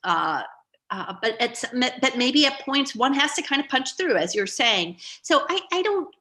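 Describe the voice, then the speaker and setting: A woman's voice: sits high, sing-song, moderate pace, pushed and bright. A middle-aged woman giving an artist talk over a video call, rambling and hesitant with many fillers. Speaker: guest artist.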